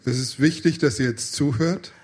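A man's voice: medium pitch, moderate pace, husky. Hesitant male sermon interpreter. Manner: translates phrase by phrase, with hesitations and self-corrections.

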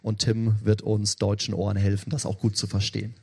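Church host introducing a guest preacher: low, gravelly voice, halting delivery with fillers. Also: male voice, monotone, a little mellow.

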